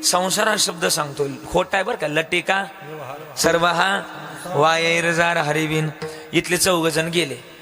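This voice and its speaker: A man's voice: on the high side, fairly even intonation, a little slow, big-room sound, music in the background. A man with a Marathi accent preaching a devotional kirtan, telling a story, questioning the crowd and breaking into sung lines.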